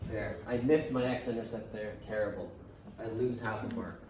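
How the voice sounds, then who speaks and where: In a very echoey classroom, a man teaches math casually and chattily, thinking aloud as he writes and slipping in dry sarcasm. His mid-range voice is steady and at normal speed, sounding distant from the mic over a faint hiss. It's a classroom lecture.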